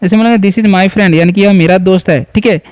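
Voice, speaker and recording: A man's voice: high-pitched, brisk, darkish tone, clean tone. A man from India teaching beginners to read English, patient and repetitive, often quizzing the viewer. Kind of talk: spoken lesson.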